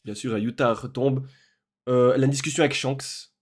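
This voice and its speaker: A young man giving a spoiler-filled film recap, telling it with sound effects and growing excitement. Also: medium pitch, normal speed. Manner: animated storytelling with sound effects, building to shouting excitement. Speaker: film reviewer.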